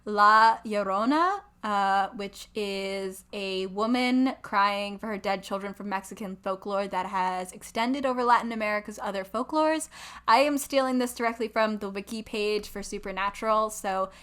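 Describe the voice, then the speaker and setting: Young woman podcast co-host, bright voice, chatty and animated, casual talk. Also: medium pitch, moderate pace, clean tone. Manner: chatty, lots of "like", animated asides. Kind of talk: casual chat.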